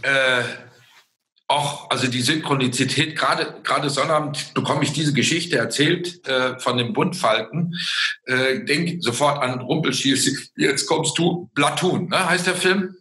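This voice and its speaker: A man hosting an interview, retelling things in an excited, rambling way. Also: mid-range voice, unhurried, roomy sound, low-quality recording. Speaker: host. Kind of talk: casual interview talk.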